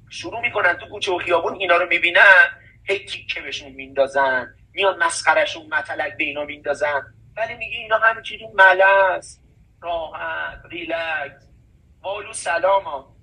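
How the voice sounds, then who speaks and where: A man's voice: sits high, pushed and bright, recorded from a distance, low-quality recording. A man hosting a conversation, talking emphatically in a preachy way and reciting scripture.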